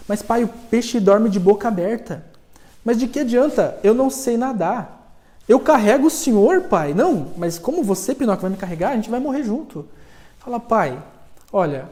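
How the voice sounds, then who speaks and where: Mellow-voiced man retelling a story to a class. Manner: acts out the characters' lines with a livelier, higher voice. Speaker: psychologist and lecturer. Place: cold room in a lecture setting.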